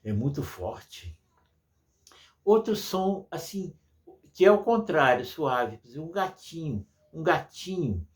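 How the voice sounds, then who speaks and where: A man's voice: on the high side, big pitch swings, slow. A man teaching music to children, patient and full of diminutives, imitating sounds as he explains.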